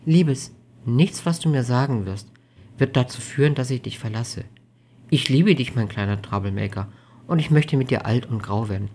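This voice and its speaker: A reader of a German audiobook voicing a caring woman in her thirties who speaks softly and calmly. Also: medium pitch, fairly quick, slight background noise, lightly acted. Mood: tender. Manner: soft, soothing, calm. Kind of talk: audiobook reading.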